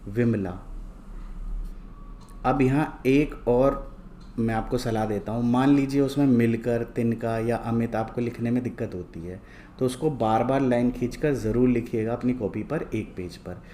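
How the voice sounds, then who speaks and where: A man teaching a lesson from worksheets, reading each word twice, slowly and clearly, and asking questions he then answers himself. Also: medium pitch, dark tone, a little hiss or hum. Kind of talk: slow, patient lesson going through worksheets.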